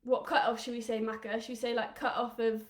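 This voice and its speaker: An encouraging, upbeat woman from England leads little children through rugby games over a live stream, calling out countdowns. Her voice sits high and bright, and the room around her rings with echo. Now and then she is a little out of breath. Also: little pitch movement, fast talker. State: out of breath at times. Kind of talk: live online kids' exercise session.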